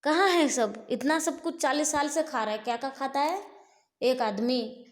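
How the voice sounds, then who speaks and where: A woman's voice: high voice, moderate pace, voice pushed up, lightly acted. A woman doing a fierce, taunting hero. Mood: mocking. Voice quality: loud, shouting taunts. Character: mighty young male hero, taunting and fierce.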